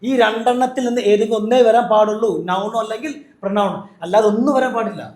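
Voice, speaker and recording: High-voiced man teaching grammar. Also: steady tone, fast, darkish tone, roomy sound. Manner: asks and answers his own questions, repeats key points. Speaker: English teacher. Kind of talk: grammar lesson.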